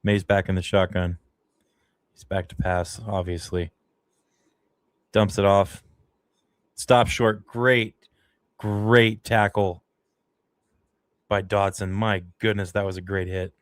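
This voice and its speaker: A livestream host offers casual football play-by-play packed with excitable, emotional fan reactions. His voice sits low, his pace is measured with frequent pauses, and the recording has no echo.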